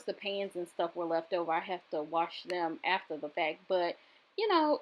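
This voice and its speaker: A woman's voice: medium pitch, poor audio. A young woman chatting casually to her viewers in a home kitchen vlog, talking them through the cooking with lots of fillers. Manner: chatty, filler-heavy, addresses viewers directly. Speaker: vlogger.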